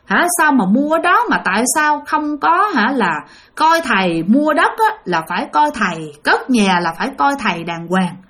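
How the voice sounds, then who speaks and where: A woman's voice: on the high side, very animated, normal speed, fairly bright tone. A woman voicing a blunt, scolding old female ancestor spirit who speaks through a medium in a storytelling recording.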